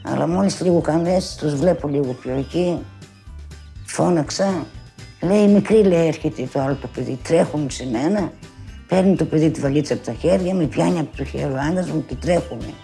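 A woman's voice: sits low, vocal fry, soft background music. An older woman telling a personal story from her youth, bringing it to life by acting out the voices of the people in it. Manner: animated retelling, acting out quoted speech with many asides of "she says".

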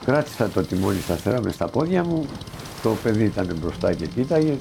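A middle-aged Greek man recalls a past event in the first person, telling it plainly and vividly while quoting the people involved. His lowish voice has big pitch swings and vocal fry, and the background is noisy.

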